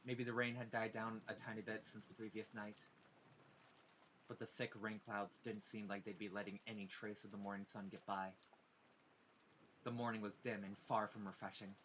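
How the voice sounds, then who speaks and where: A man reading a visual novel's narration aloud for a let's play, with expressive delivery and casual, swearing asides. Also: lowish voice, normal speed, a little hiss or hum. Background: faint game music.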